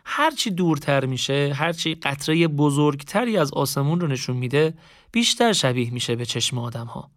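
Man, storyteller, reflective, calm, slightly high pitch, dry recording. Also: no room sound. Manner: calm, reflective storytelling in casual spoken style. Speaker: narrator. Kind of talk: audiobook story narration with reflective asides.

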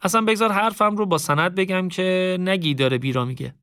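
A man reading a story aloud in a calm, reflective, casual spoken style. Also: sits high, clear, resonant tone, dry recording, studio quality. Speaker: narrator. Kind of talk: audiobook story narration with reflective asides.

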